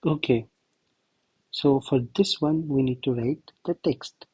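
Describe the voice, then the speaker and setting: A man tutoring German in a slow, think-aloud walkthrough, who is not a native speaker of German. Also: mid-range voice, a little mellow, breathy edge, dry recording, highs cut off. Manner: slow, thinking aloud while writing answers. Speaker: language tutor. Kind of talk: self-study lesson walkthrough.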